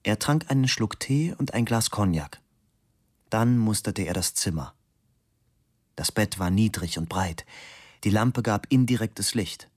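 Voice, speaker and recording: Low husky male audiobook narrator. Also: lively intonation, measured pace, pauses often, darkish tone. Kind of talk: literary audiobook reading.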